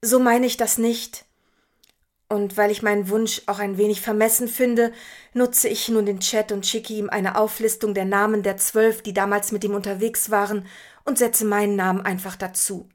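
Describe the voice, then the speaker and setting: A woman's voice: mid-range voice, little pitch movement, normal speed. Earnest woman in her fifties telling a devotional story. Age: 50s. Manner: earnest, reflective, conversational. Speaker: narrator.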